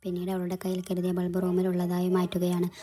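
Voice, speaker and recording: A woman narrating a romantic story in a soft, steady reading voice. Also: lowish voice, quick pace.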